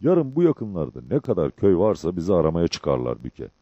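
Guy reading a big angry bandit sergeant, husky and dark, swings all over, storybook audio. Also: sits low, huge pitch swings, brisk, no echo, muffled recording, full character voice. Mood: commanding. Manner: loud, cries out in pain. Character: huge hot-tempered male bandit sergeant, wounded.

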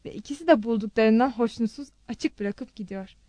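A woman reading the lines of a witty, playful young woman who speaks in a lively, teasing way. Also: on the high side, a little fast, no echo, close to an everyday voice. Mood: thoughtful.

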